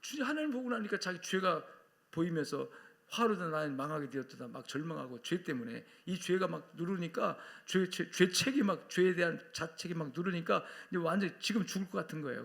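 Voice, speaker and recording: Pastor guy preaching hard, slightly high voice, acts out quotes, gets the congregation repeating lines. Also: fairly bright tone. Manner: emphatic preaching, calls for repeat-after-me. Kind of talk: Sunday sermon.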